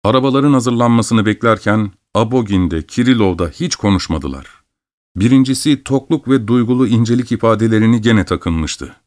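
A man reading a story aloud as narrator, in a measured, expressive manner. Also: on the low side. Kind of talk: audiobook reading.

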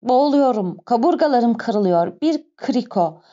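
A woman's voice: fairly high pitch, steady tone, fairly quick, dark tone, lightly acted. A woman reading an audiobook, voicing an old male carter pinned under his cart and crying out for help in pain. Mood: agonized. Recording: dull lo-fi recording.

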